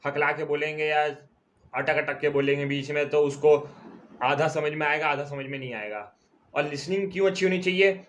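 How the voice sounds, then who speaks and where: Man teaching a lecture, slightly higher voice. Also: fairly bright tone. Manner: repeats key terms slowly, checks in with "ठीक है". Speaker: commerce teacher. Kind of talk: classroom lecture.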